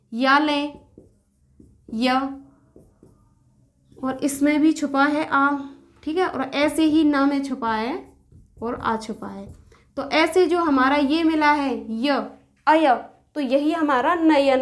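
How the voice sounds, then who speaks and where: A woman teaching a grammar lesson, patiently repeating and rephrasing each point. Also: high-pitched.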